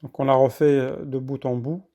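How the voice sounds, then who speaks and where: A man teaching Quran recitation rules, explaining haltingly with fillers between slow, drawn-out recited verses. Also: mid-range voice, flat delivery, dark tone. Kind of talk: tajwid lesson with recitation.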